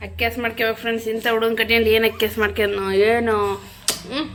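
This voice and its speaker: A woman's voice: fairly high pitch, flat delivery, quick pace, a bit bright, slight background noise. A woman chatting casually to her viewers at home in a vlog, repetitive and friendly. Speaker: vlogger. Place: home kitchen.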